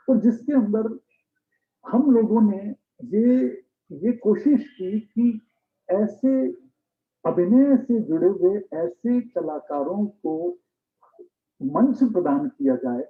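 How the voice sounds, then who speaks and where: A man speaking earnestly and formally as host of an arts event, on an echoey, phone-quality recording. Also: on the high side. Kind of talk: formal address.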